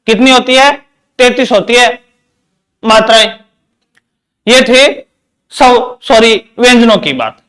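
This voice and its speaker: A man's voice: very high-pitched, slow pace, long pauses, a bit bright. A male teacher giving an exam-prep grammar lecture, repeating points and asking questions he answers himself. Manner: repetitive question-and-answer drilling.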